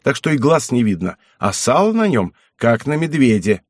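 A man's voice: medium pitch, very animated, normal speed, dry recording, studio quality. A man doing a frank teenage country girl. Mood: earnest. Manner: frank, playful. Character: shy lively teenage peasant girl.

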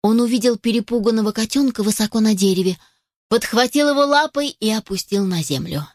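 A woman gently and expressively reading a children's story aloud. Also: on the high side, fairly quick, no echo, studio quality.

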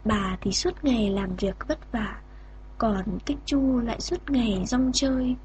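A woman narrating a fairy tale in a slow, gentle reading voice. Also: a little high, slight background noise. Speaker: storyteller.

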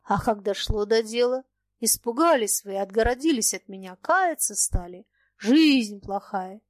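Audiobook figure: woman voicing a gruff young merchant, reproachful, dry close recording. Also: on the high side, lively intonation, moderate pace, no room sound, natural voice. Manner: reproachful, plain-spoken. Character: young merchant man, blunt, agitated. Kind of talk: audiobook dialogue.

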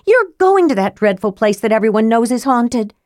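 A fiery young red-haired woman, quick to anger and close to tears, her voice climbing high and sharp as she accuses, read by a woman narrator. Her pleas ring clearly in a close, dry recording with no room sound. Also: animated, no echo. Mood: angry. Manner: pleading, accusing, raised voice.

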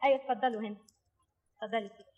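A high-voiced woman with an Egyptian accent runs a live stage quiz show. She calls up contestants in a brisk, directing tone and recites rhyming riddles in a lilting sing-song. The performance takes place on a theatre stage. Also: fairly even intonation, a little mellow, muffled recording. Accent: Egyptian Arabic.

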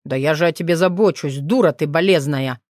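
Brief: female narrator voicing a rough, blunt male werewolf in an audiobook, lower and dry. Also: fairly even intonation, normal speed, no echo, lightly acted. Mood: stubborn. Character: gruff, stubborn male werewolf.

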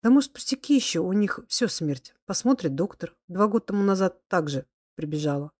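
A woman reading the lines of a calm, reassuring middle-aged lady of the house in a soothing, reasonable way. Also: on the low side, brisk, no room sound, clean studio sound.

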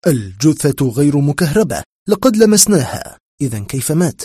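A man's voice: on the high side, sing-song, normal speed, dark tone, slightly rough, no room sound. A man voicing a skeptical male detective friend in a spoken horror story, talking sarcastically. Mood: sarcastic.

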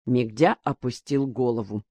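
A woman narrating a novel as an audiobook reader in an even, measured way. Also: extremely low pitch, slightly rough, no echo. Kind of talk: scripted narration.

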